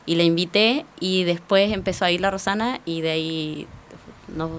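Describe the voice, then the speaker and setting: A woman's voice: fairly low pitch, moderate pace, slight background noise. A woman with a Chilean accent, telling her story as an artist guest in an interview. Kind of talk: interview answers.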